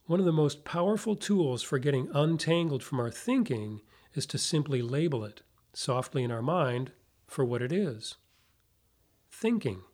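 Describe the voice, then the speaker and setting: A man narrating a guided meditation like a sleep story narrator, giving gentle, unhurried instructions with long pauses. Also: medium pitch. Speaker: meditation teacher.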